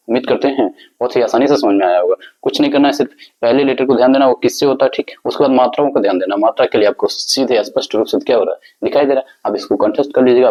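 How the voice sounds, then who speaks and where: A man's voice: mid-range voice, mellow. A male teacher explaining a lesson step by step, asking the class questions and answering them himself. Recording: slightly dull lo-fi recording.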